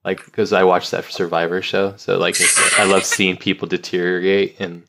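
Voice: low voice, little pitch movement, normal speed, gravelly. A podcast host in his thirties, talking in a rambling, philosophical way in casual conversation. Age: 30s. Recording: roomy with faint ambient noise.

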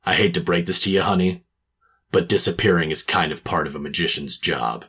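A man's voice: low voice, brisk, fairly bright tone, husky, full character voice. A man playing a cynical hard-boiled private detective, narrating and talking in a clipped, sardonic tough-guy manner in a noir radio drama.

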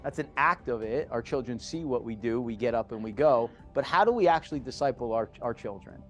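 A man's voice: mid-range voice, expressive, brisk, dull audio, soft background music. A middle-aged man giving a personal testimony to a men's group, earnest and conversational, repeating himself for emphasis.

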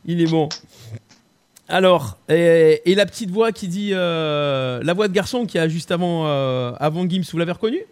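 Chatty French host with a raised voice. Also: male voice, a little high, moderate pace, a little mellow, clear, resonant tone. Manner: chatty, repeats himself, many fillers. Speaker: host running a song quiz and prank calls. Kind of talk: lively live-stream chat.

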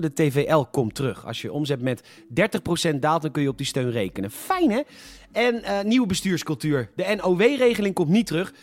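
A man hosting a scripted satirical news show, delivering sarcastic, mock-indignant commentary that sometimes bursts into shouting. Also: a little high, dry recording.

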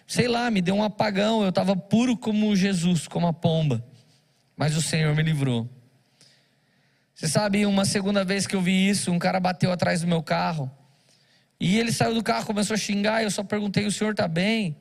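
A man's voice: high voice, fairly even intonation, a little fast. A man, a pastor, preaching a sermon, telling stories and acting out the dialogue. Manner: storytelling with acted-out dialogue.

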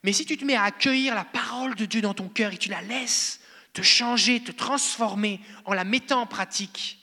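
A man's voice: high-pitched, moderate pace, sharp tone. A male pastor with a French accent preaching a conversational, playful sermon to his congregation in a church hall. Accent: French (France).

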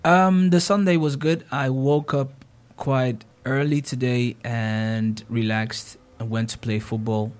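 Young man from the Netherlands, interview guest; easygoing, halting delivery. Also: medium pitch. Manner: relaxed, hesitant with many restarts. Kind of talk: casual interview.

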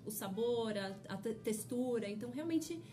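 A woman teacher talks listeners through a mindfulness exercise in a calm, gently paced way. Her voice sits a little high, and clear background music runs under her. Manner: slow, soothing guiding with frequent laughter. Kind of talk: guided mindfulness instruction in a casual chat.

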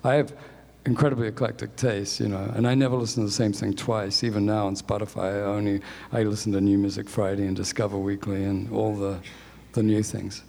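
A gravelly, slightly mellow lowish voice speaks fairly quickly and in a level tone, with big-room sound and a bit of hiss or hum. It belongs to an English-born, New Zealand-raised music industry executive in his sixties, who chats about his career with self-deprecating humor as an interview guest.

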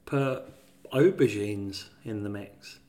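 A man's voice: lowish voice, takes it slowly. Dry-witted man, distant echoey sound. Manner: dry, deadpan jokes. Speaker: podcast co-host. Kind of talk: casual comedic chat. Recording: echoey and set back from the mic.

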